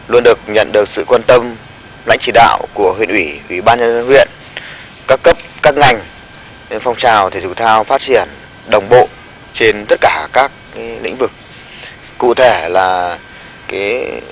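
A man speaks in a mid-pitched voice, stringing together formal official phrases with pauses and hesitant restarts. Faint ambient noise sits behind him. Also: poor audio. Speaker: local official interviewed. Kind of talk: unscripted interview statement.

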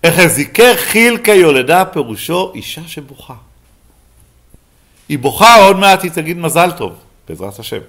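A man's voice: on the high side, very animated, long pauses, fairly bright tone. A rabbi giving a Bible lesson to a live class, who keeps asking his listeners questions and then answering them himself.

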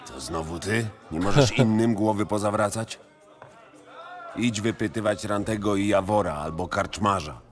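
An actor playing a grim, gruff Norse warrior survivor in a video game, speaking plainly and somberly. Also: male voice, lowish voice, moderate pace, natural voice. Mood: irritated. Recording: game music under the voice.

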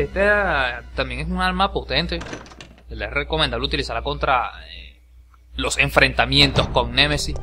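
A man talks through a game he is playing at home. He keeps an ordinary middle pitch and reacts out loud, swearing and yelping when something attacks him. Game music plays clearly underneath his voice. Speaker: gameplay commentator. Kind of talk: let's play commentary. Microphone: home voice recording over game capture.

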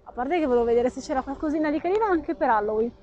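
A woman's voice: high-pitched, animated, very fast, warm tone. A woman in her thirties chatting casually as a vlogger, speaking through a face mask. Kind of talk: casual vlog chat. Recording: dull phone sound, background noise.

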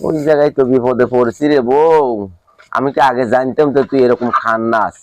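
A man's voice: mid-range voice, fairly quick, very noisy, natural voice. An actor playing a weary, henpecked village husband who grumbles about his wife in a comic short film. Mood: grumbling. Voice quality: grumbling, complaining.

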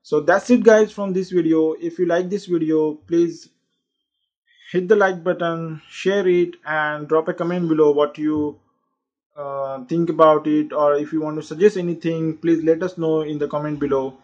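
A man's voice: a little high, fairly even intonation, normal speed, a little mellow. A man walking through a phone tutorial in a casual, explanatory way, with frequent fillers. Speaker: tech channel host. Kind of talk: tutorial walkthrough. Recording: dull lo-fi sound.

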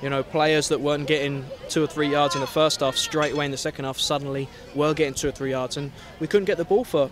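A man's voice: a little high, steady tone, fast talker, hardly any pauses. A man in his thirties, a head coach giving a candid post-game interview outdoors at a field at night. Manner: candid, reflective, many restarts. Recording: stadium crowd behind.

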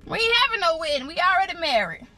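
A young woman, loudly and playfully insisting in a prank vlog. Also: extremely high pitch, big pitch swings, quick pace. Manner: loud, insistent, teasing. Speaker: vlogger, prank couple channel.

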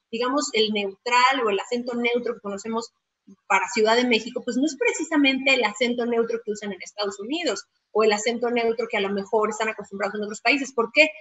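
A woman's voice: fairly high pitch, husky. A woman, director of a voice-over school, explaining her views in an interview. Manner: explanatory, lively. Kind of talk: interview answers.

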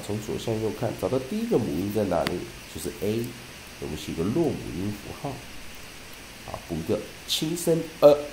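A man teaching English pronunciation, reading dictionary entries slowly and deliberately, then explaining with many repeated terms and "ah" fillers. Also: on the low side, roomy sound, noisy background.

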